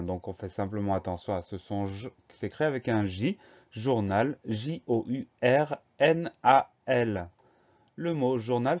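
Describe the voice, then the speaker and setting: Patient low-voiced man spelling words slowly. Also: warm tone, lo-fi sound. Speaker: teacher. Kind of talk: spelling dictation lesson.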